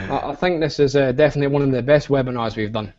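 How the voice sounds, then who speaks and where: The recording is muffled, coming through a video call, as a young Scottish man runs a casual webinar pitch. He speaks quickly in a mid-range, darkish voice, hyped up and rambling with many fillers.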